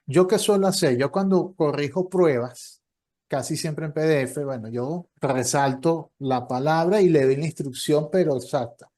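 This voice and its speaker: Higher-voiced man lecturing conversationally. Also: normal speed, mellow. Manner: conversational and explanatory, acting out short dialogues. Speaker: university professor and copy editor giving a lecture. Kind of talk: online lecture with audience questions.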